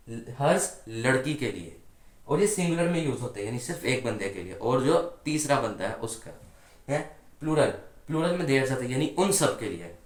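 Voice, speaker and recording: A man's voice: mid-range voice, reverberant. A man teaching a grammar lesson patiently, often asking his students questions and answering them himself. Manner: patient, asks the class rhetorical questions. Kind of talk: explanatory classroom lesson.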